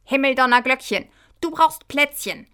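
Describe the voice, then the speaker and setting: A woman voicing a brisk, bossy little male Christmas elf in a children's story. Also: medium pitch, sharp tone, lightly acted.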